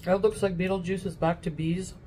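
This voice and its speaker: A woman's voice: lowish voice, steady tone, brisk, mellow. A young adult woman talking casually to camera while eating, often chewing as she speaks with her mouth full. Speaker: mukbang vlogger. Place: furnished living room, indoors. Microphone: camera at table distance. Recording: faint room noise, home recording.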